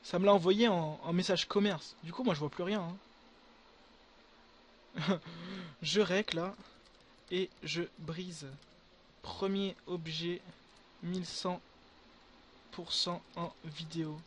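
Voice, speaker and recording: A young man giving casual gameplay commentary to his viewers, excitable and full of crude slang. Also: high-pitched, slow, pauses often, slight background noise. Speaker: gaming video creator.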